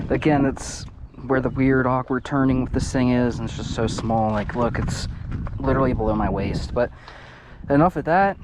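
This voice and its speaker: A man's voice: medium pitch, normal speed. A young man vlogging outdoors in a casual, chatty and upbeat way, a bit out of breath. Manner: upbeat, chatty, laughs often. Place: outdoors on pavement. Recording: outdoor noise behind.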